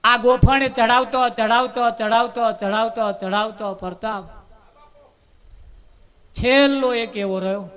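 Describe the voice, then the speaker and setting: A man tells a parable at a devotional gathering in a very high, bright voice. He talks in an animated, folksy way and repeats words for rhythm. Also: unhurried, pauses often. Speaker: preacher. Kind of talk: storytelling sermon at a devotional gathering.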